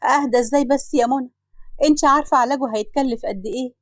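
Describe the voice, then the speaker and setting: A woman's voice: high voice, racing, dry recording. A woman with an Egyptian Arabic accent voicing a poor, worried sister who wails anxiously. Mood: distraught. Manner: wailing, anxious.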